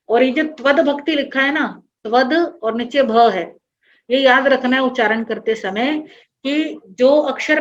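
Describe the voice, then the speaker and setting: Patient woman teacher explaining verses. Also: high voice. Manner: patient line-by-line explanation with repetition. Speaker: religious teacher explaining a hymn. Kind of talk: online class explanation. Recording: dull lo-fi online class audio with faint noise.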